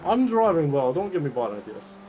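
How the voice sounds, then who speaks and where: A man's voice: a little high, sing-song, brisk, mellow. A man in casual voice-chat banter, joking and chatting as he drives a sim race. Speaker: sim racing driver streaming a team endurance race. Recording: noisy game-audio background.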